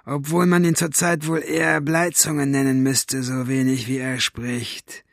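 A man's voice: mid-range voice, little pitch movement, unhurried, creaky, no echo, clean studio sound. A man voicing Basta, a sneering, commanding henchman with a gun, in an audiobook reading. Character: menacing male henchman with a shotgun.

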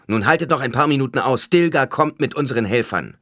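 A man's voice: sits low, lively intonation, a little fast, bright, forceful tone, no echo, studio quality. A male reader voicing a blinded young male leader in an audiobook, speaking firmly and with command. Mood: calm assurance. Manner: raised, commanding, firm. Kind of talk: audiobook character voice.

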